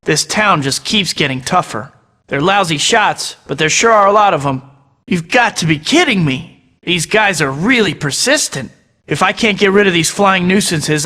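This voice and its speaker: A wisecracking young superhero in a video game, quick with sarcastic jabs yet earnest underneath. His voice sits a little high with a bright, keyed-up edge. Each clip trails off into a long reverb. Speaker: game character. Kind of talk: game voice clips.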